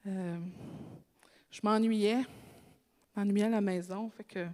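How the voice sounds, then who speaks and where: A woman's voice: medium pitch, steady tone, slow, darkish tone. Québécois woman preaching in a reverberant church. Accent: Québécois French. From Quebec. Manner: conversational, tells a childhood story with quoted dialogue. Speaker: pastor. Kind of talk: sermon with personal storytelling. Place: church sanctuary.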